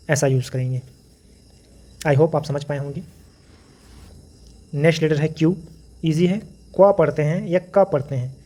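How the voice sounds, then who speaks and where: A man's voice: on the high side, warm tone. A man teaching English letter sounds, explaining patiently and repeating each example word. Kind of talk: phonics lesson.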